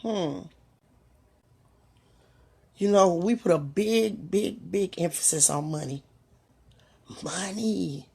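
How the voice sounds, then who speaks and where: Woman with a creaky voice, asking questions. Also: fairly low pitch, mellow. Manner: asks the listener rhetorical questions; reflective, unhurried, with pauses. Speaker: host. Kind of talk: motivational monologue.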